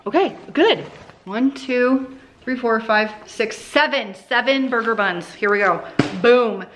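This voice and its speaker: Holding the camera close in her home kitchen, a woman in her thirties with a fairly high voice talks slowly and casually over a noisy background. She's a family vlogger going through her groceries and their prices in a chatty, upbeat way.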